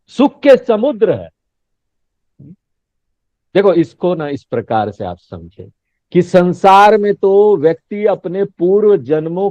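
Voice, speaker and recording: A man's voice: high voice, darkish tone, no echo. A man who is a swami giving a Hindi spiritual discourse, chatty and laughing often, asking his listeners questions. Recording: dull lo-fi recording, dry.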